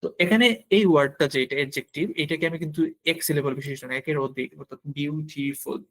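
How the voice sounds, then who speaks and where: A man with a Bangladeshi Bengali accent teaching an online grammar lesson, explaining step by step, asking questions and answering them himself, pausing as he writes. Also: on the high side, steady tone, a bit bright. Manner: writes on a board while talking, with pauses and restarts.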